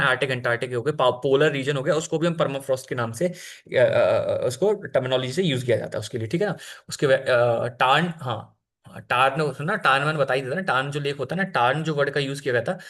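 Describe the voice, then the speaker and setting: A man's voice: mid-range voice, fairly bright tone. A young adult man teaching an exam-prep geography lesson over slides in a casual, chatty way, full of fillers and self-corrections. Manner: chatty, frequent fillers and self-corrections, mixes in English terms.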